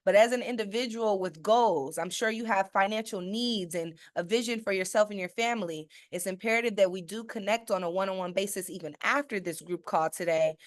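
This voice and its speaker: A persuasive woman presents a sales-style webinar as a financial educator. She stresses her points and asks her listeners rhetorical questions, often tagging "okay?" onto her sentences. Her voice sits at an ordinary pitch and sounds dry and close, with no room echo. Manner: checks in with listeners with a frequent "okay?".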